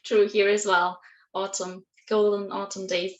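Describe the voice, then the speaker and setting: A woman's voice: medium pitch, little pitch movement, unhurried, dull audio. A woman hosting an interview show, upbeat and encouraging, with some hesitant restarts. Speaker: interview host.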